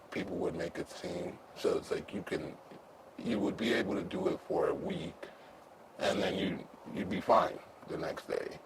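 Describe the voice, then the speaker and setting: A man in his thirties, an anonymous interviewee whose voice is altered and pitched down to disguise him, speaking candidly and haltingly with fillers and restarts. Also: vocal fry, very noisy. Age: 30s.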